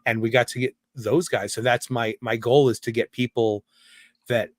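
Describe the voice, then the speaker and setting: A man chatting as a guest on a comics show, telling relaxed stories and acting out the people he quotes. His voice is mid-pitched and recorded dry and close, with no room echo. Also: moderate pace. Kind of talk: casual interview chat.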